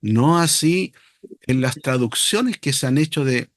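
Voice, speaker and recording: A man's voice: mid-range voice, animated, unhurried, no echo, studio quality. A man teaching a seminary class on biblical Hebrew, speaking off the cuff, often stopping on fillers and repeating words.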